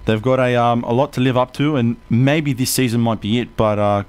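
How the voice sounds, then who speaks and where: A man's voice: medium pitch, fairly even intonation, a little fast, darkish tone, clean tone. A man co-hosting a football chat show, running through facts and adding dry short remarks. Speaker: co-host. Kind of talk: casual sports chat.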